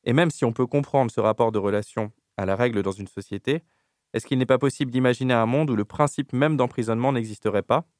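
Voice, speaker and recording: A man reading a critical, argumentative column on a radio show in a measured way. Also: mid-range voice, darkish tone, no echo, studio quality. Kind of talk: read political radio commentary.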